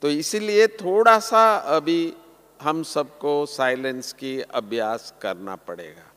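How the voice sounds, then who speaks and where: Male preacher, unhurried and earnest, phrases trailing off softly, reverberant assembly hall. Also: a little high, clear, resonant tone. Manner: slow, earnest, drops softly at phrase ends. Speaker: spiritual teacher. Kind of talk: sermon to a large gathering.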